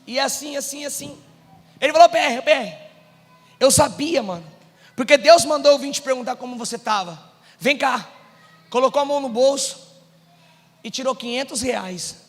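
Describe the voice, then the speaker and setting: A male pastor with a Brazilian Portuguese accent preaching a sermon with a personal testimony. He swings from hushed storytelling to shouted exhortation. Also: very high voice, moderate pace, long pauses, long reverb tail. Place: church hall.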